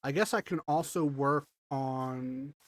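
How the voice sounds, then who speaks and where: In a dry recording, a man talks slowly at a medium pitch while streaming a block-building game. Congested from allergies, he rambles and thinks out loud as he builds, giving casual gameplay commentary.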